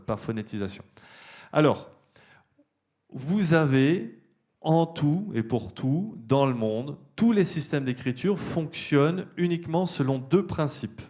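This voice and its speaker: A man giving a university-style public lecture in a hall, explaining patiently. He fills pauses with little hesitations and turns to the audience with direct questions. His voice sits at an ordinary middle pitch. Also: darkish tone. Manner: explanatory, many fillers like euh and hein, addresses audience directly.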